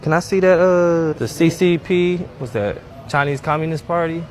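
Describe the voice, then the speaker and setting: A man's voice: fairly high pitch, moderate pace. A man pulling a prank in a gun store, talking in a boastful, swaggering street style. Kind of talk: prank video, street slang.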